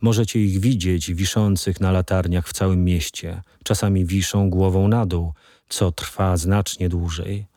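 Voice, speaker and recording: A man reading an audiobook, voicing an older grandmother who speaks calmly and patiently with quiet menace. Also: deep voice, measured pace, dry recording, studio quality. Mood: menacing. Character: calm, steely older grandmother.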